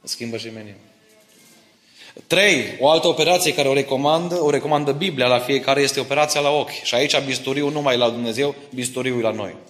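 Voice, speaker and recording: A middle-aged man delivers a sermon at a medium pitch. He moves between family stories and scripture and keeps turning to the congregation for agreement. His voice echoes through a reverberant church hall. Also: a bit bright. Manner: personal stories mixed with Bible teaching, asks listeners for agreement. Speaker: preacher.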